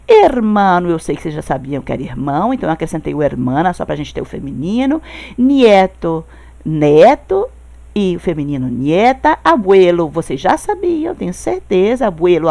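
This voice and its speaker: Uma professora brasileira de espanhol, que explica devagar e sempre confere com os alunos. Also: female voice, mid-range voice, gravelly, darkish tone. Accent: Brazilian Portuguese. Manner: explains slowly, checking with "tá certo?". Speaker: Spanish teacher. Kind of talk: recorded online class.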